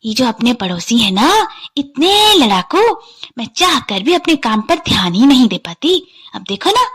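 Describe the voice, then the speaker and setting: A woman voicing a nosy, chatty young daughter-in-law who gossips in an animated story. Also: fairly high pitch, moderate pace, husky, exaggerated voice. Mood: gossipy.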